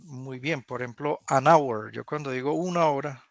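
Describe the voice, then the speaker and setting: Male teacher, heavy vocal fry, dry video-call audio, patient and repetitive. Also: medium pitch, no room sound. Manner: patient, repeats phrases slowly for drilling. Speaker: English teacher. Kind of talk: online class teaching.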